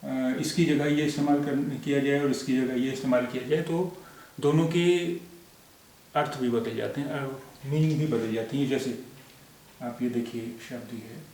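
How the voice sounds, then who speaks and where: A man gives a spoken language lesson, patient and methodical, repeating sounds and examples so learners can follow. His voice sits at an ordinary middle pitch and comes from some distance off the mic. The room rings with a strong echo, and a faint hiss runs underneath. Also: steady tone, moderate pace, darkish tone. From India. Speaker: Urdu teacher.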